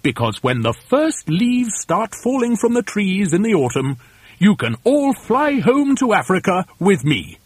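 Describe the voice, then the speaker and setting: Guy doing a friendly know-all storybook bird, high voice, very lilting, explains things reassuringly. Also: sing-song, unhurried, slightly rough, no echo, full character voice.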